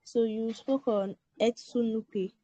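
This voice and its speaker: A woman presenting to an online class. She reads from her notes haltingly and stumbles over names. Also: a little high, steady tone, warm tone, no echo, highs cut off. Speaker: student presenter. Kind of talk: reading class notes aloud.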